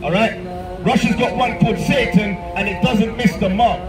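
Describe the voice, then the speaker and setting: A man's voice: high-pitched, normal speed, loud music behind the voice. Emphatic London street preacher, man. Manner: emphatic, ends lines with "man" and "all right?". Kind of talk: open-air street preaching. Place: outdoors on a busy city street. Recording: echoey street sound from far off, crowd noise.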